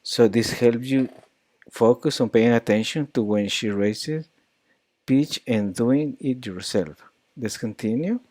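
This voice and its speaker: A man teaching pronunciation, repeating words and phrases slowly to model the sounds. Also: medium pitch, mellow, dry recording. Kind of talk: accent coaching lesson.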